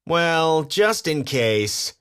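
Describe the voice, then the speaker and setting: A man voicing a bossy, vain, excitable cartoon lemur king with an imperious, theatrical manner. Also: on the high side, drawn-out words, clean tone, voice pushed up, full character voice.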